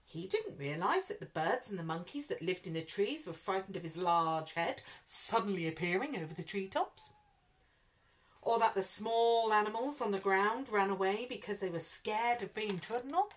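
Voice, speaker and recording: A woman storyteller reading a children's picture book aloud in an expressive, lively way. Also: mid-range voice, normal speed.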